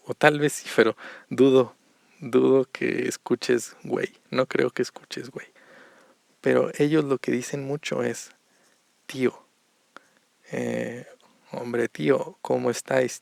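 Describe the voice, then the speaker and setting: A Mexican man with a very gravelly, creaky voice teaches Spanish on a podcast. He takes it slowly and repeats each point with example after example. The recording is dry and close. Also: mid-range voice, no room sound. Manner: slow, repetitive explanations with examples. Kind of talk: podcast lesson for learners.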